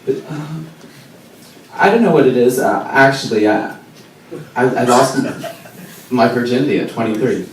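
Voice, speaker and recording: A young man in his twenties with an American accent, doing a self-deprecating stand-up set and pausing with ums. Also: mid-range voice, lively intonation, recorded from a distance. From Israel. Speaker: stand-up comedian. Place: comedy club. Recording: echoey club recorded from afar, noisy.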